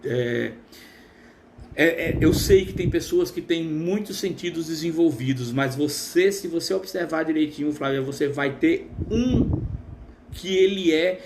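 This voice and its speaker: A man, hosting a casual live stream as a therapist, chatty and full of fillers, with a trained, smooth voice. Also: fairly high pitch, a little slow, background noise. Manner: chatty, reads viewer comments aloud with many fillers.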